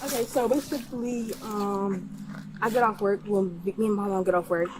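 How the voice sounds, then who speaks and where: A woman's voice: medium pitch, steady tone, normal speed, noisy background. A young woman recounting to police what happened at home, hesitant and full of restarts. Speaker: daughter telling her account.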